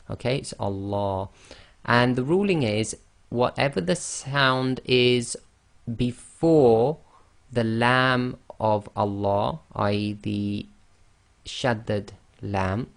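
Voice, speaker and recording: Slow, gravelly-voiced male teacher. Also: medium pitch. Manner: slow, careful explanations with frequent "okay" and "i e". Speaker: Quran recitation teacher. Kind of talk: slide-based online lesson.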